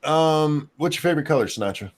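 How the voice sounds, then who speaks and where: A man's voice: a little high, animated, fast talker. A man hosting a live stream in casual chat, reading out viewer comments with blunt, sardonic swearing.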